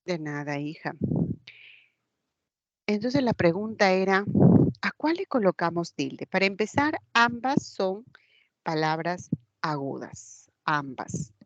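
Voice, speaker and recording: A woman teacher with a Peruvian Spanish accent walks her online class through each point slowly and patiently, often checking that they follow. Her voice sits on the low side. The sound is dry and close, though dull and lo-fi. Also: very animated, no echo. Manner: patient, explains step by step, checks with "¿ya?". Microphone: computer mic in a video class.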